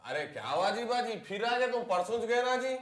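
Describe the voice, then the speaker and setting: A man's voice: very high voice, animated, moderate pace, music in the background. A man playing a lazy, rude younger brother with a Hyderabadi accent. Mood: mocking. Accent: Hyderabadi Urdu. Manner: rude, cocky.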